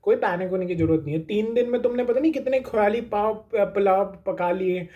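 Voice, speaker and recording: A man's voice: high voice, brisk, highs cut off. A man giving a casual pep talk to exam students, reassuring them and repeating his points, with English phrases mixed into his talk. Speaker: exam coaching YouTuber.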